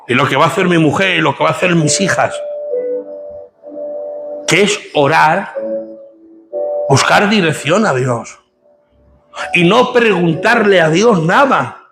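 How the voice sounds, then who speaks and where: Man, pastor, sermon, gravelly, fairly high voice, music underneath. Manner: preaching with rising intensity and rhetorical questions.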